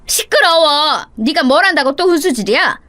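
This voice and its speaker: A woman voicing a harsh elderly mother-in-law who berates her daughter-in-law in a sharp, shrill tone. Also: expressive, moderate pace. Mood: snapping. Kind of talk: dramatized story reading.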